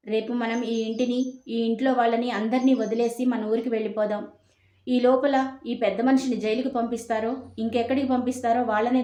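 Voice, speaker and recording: A hurt young man speaks firmly and coldly, turning his back on his family, voiced by a woman narrator. His voice is fairly high and carries across an echoey room. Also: darkish tone, close to an everyday voice. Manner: firm, cold, then tearful.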